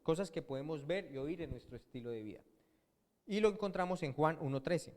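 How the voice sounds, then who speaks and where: Pastor in an echoing hall. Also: male voice, a little high, lively intonation, a little fast, darkish tone. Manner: asks the congregation questions and answers them himself. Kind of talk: sermon. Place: church hall. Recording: long church-hall reverb.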